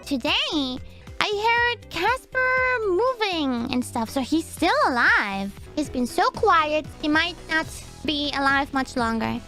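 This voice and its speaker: Brief: woman streamer, casual chat, high and excitable, loose and profane. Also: slow. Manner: excitable, shrieking and swearing freely. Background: background music.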